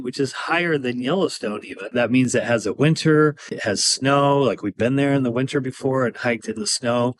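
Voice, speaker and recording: A man's voice: medium pitch, no echo, low-quality recording. Man, chatty and joking, middle-aged travel co-host. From Utah. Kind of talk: casual travel tips to camera.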